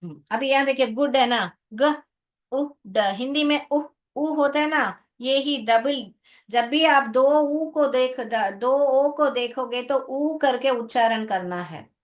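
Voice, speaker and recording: Slow, patient woman teacher. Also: sits high. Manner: patient, calls students "beta", asks checking questions; sounds out English words slowly. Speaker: school English teacher. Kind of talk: classroom lesson explanation.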